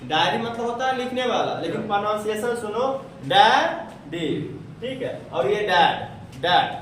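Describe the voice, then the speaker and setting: A man's voice: sits high, animated, normal speed, fairly bright tone, distant mic, slight background noise. A man with a Bihari accent teaching English to a class, asking his students questions again and again. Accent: Bihari Hindi. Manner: quizzing students with repeated questions. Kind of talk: classroom lesson. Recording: echoey classroom, voice from across the room.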